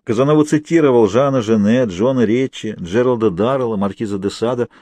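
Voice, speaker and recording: Dark-voiced male audiobook narrator. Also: mid-range voice, brisk, dry recording.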